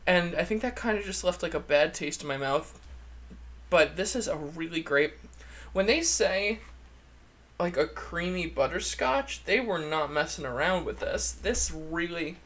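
A man with a campy, chatty drag queen manner, giving a casual, gushing video review in a creaky voice. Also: fairly high pitch, animated, measured pace, fairly bright tone. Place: indoor room, seated at a desk.

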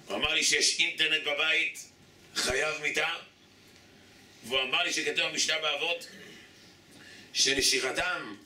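A man's voice: a little high, steady tone, long pauses, sharp tone, distant mic. A man giving an emphatic sermon as a rabbi, telling stories and acting out their characters while he repeats appeals to his listeners. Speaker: rabbi giving a Torah lesson. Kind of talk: sermon with storytelling. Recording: echoey hall, speaker away from mic, faint hiss.

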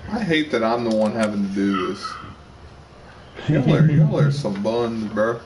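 A man's voice: on the low side, unhurried. Joking young man gaming with a friend. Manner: joking, excitable, slangy. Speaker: gaming streamer. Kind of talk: casual gaming chat. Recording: distant voice with clear background noise.

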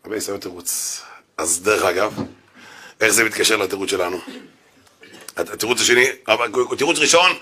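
A man, a rabbi, giving an animated Torah lecture in a synagogue, joking and acting out little quotes. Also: mid-range voice.

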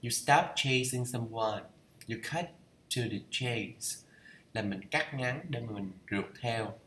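Going through English idioms for a casual vlog, a Vietnamese man reads his course aloud, thinking as he goes and pronouncing each phrase slowly to get it right. He speaks at medium pitch with a fairly bright tone, and the recording sounds roomy.

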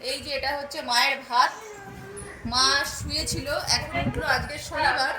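High-voiced woman chatting at home. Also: steady tone, moderate pace. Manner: chatty, coaxing, talks to pets and kids. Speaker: vlogger. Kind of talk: casual home vlog chat. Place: home indoors. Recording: echoey room with background noise.

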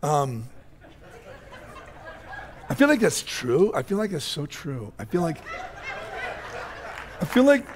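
A man's voice: on the high side, big pitch swings, slow pace, long pauses, a crowd in the background. A man mockingly imitating a whiny, self-absorbed young man with a beard who hesitates and stumbles over his words.

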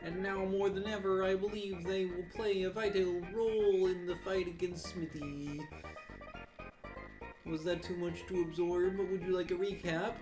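A woman plays an old frog sage in a video game, a patient wise mentor. The delivery is measured and formal, often turning statements into gentle questions. Plucked-string music plays clearly behind the voice. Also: lowish voice, steady tone, lightly acted, poor audio. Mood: grave, kindly. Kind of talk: dramatised video game dialogue reading.

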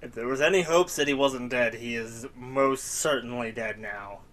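A young man talks through a story game in a loose, rambling way, poking fun at himself as he goes. His voice sits at an ordinary middle pitch. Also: fairly bright tone. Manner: rambling, self-mocking, quick laughs. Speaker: gaming YouTuber. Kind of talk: casual let's-play commentary.

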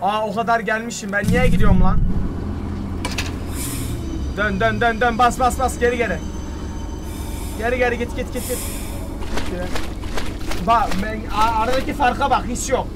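A man streaming a game live, excitable and joking, often shouting at what happens on screen. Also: very high-pitched, normal speed, long pauses. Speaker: gaming streamer. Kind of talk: live gameplay commentary. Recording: game sounds and noise under the voice.

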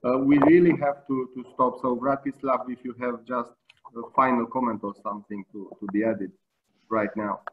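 A middle-aged man moderating and politely closing a panel on a video call, slightly halting. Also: medium pitch, steady tone. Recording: tinny phone-like line.

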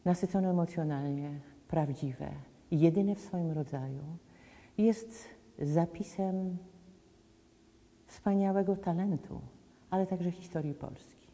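An older woman with a low, deep and very mellow voice presents a concert in slow, measured, emphatic phrases. Her speech carries a long reverb from the room around her. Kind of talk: measured spoken invitation to a concert. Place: indoors, room with framed portraits on the wall. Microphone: camera in front, head and shoulders framing.

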